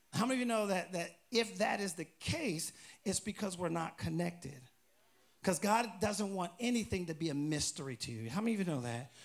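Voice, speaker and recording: A male pastor preaching to his church, reading scripture aloud in bursts and calling out to the congregation for responses. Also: high voice. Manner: energetic preacher, rising loud on scripture readings, prompting the congregation. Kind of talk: call-and-response sermon.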